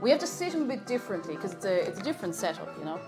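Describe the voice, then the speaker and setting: A woman's voice: mid-range voice, very animated, very fast, music in the background. A woman hosting a casual livestream, chatting playfully with viewers, repeating phrases and slipping into sing-song nonsense syllables. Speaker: live streamer host. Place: kitchen at home.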